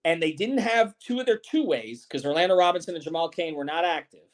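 A man's voice: on the high side, lively intonation, fairly quick. A man in his forties hosting a sports podcast. He reads viewer comments and speaks bluntly and emphatically, with some swearing. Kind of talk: live-streamed sports podcast chat.

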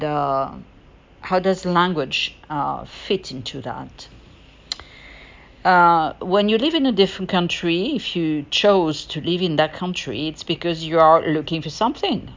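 A woman hosts a podcast with an unscripted personal monologue, speaking slowly in a low voice. Her delivery is hesitant and halting, full of pauses, and the audio is dull and lo-fi.

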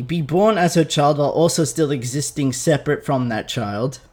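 A foul-mouthed, short-tempered male God, talking like a fed-up boss. A man puts on the voice, slightly high-pitched and unhurried, as he retells a story. His delivery is casual and blunt, full of swearing. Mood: smug.

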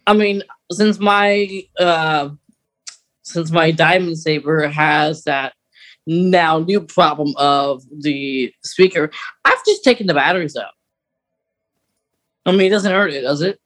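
Speaking slowly with a fairly bright tone, this fan podcast co-host has a somewhat high-pitched voice and a casual style. He often hesitates and backtracks to restart his thoughts.

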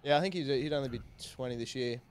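A man's voice: mid-range voice, quick pace, a loud crowd. An Australian man chatting casually as a podcast panellist. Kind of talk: casual chat.

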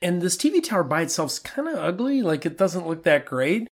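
A man co-hosting a travel podcast, talking in a relaxed, easygoing way and laughing at himself. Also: high voice, a little fast. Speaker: podcast co-host. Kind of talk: casual travel podcast chat.

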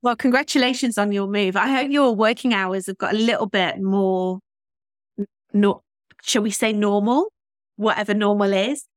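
A woman's voice: mid-range voice, moderate pace, no room sound, clean studio sound. A woman hosting an interview podcast, chatty and encouraging toward her guest. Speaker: podcast host.

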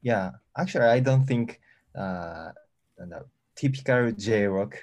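A man with a Japanese accent, a musician speaking halting English while searching for words in an interview. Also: medium pitch, a little mellow. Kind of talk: casual interview answers.

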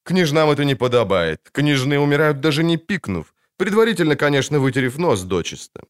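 A man reading an audiobook voices a gruff, impatient and sarcastic male monster hunter, close to his own voice. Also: fairly high pitch, very animated, a little fast, voice pushed up.

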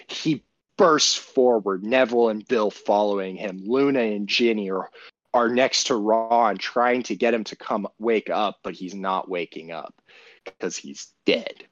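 Man, podcast co-host, lowish voice, profane rambling storyteller, dry dull lo-fi audio. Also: no echo. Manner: profane, rambling retelling with many restarts. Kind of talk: casual podcast chat.

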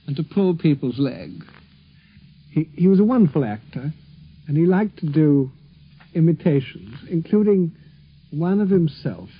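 A man fondly recalling a childhood visitor, measured and animated by turns, on a dull old archival recording. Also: fairly high pitch, husky. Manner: fond, measured, animated in places. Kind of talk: spoken reminiscence.

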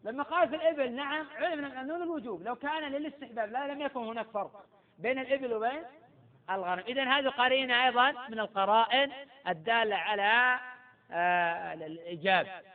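High-voiced sheikh lecturing over a tinny line. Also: male voice, fast. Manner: quizzes students and repeats key points. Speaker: sheikh teaching Islamic jurisprudence. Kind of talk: classroom lecture with questions to students. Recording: tinny phone-like lecture recording.

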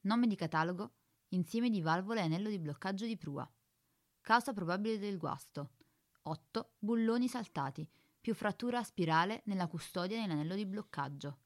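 A woman voicing a calm, precise spaceship computer in a radio drama, speaking in a flat, formal, bureaucratic way. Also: medium pitch, a little fast, natural voice.

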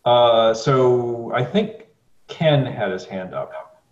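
A man facilitating a meditation meetup discussion in a relaxed, affirming way. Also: medium pitch, extremely slow. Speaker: meditation group leader. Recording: roomy, distant, dull mic sound.

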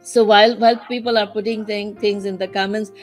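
A woman's voice: medium pitch, little pitch movement, brisk, faint music behind. Woman hosting a weekly online talk. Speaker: host.

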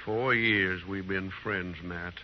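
A man's voice: deep voice, steady tone, slow. Troubled frontier townsman, muffled radio. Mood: bitter, resigned. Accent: American. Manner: earnest, rustic speech. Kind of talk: old radio western acting. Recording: muffled, noisy vintage radio recording.

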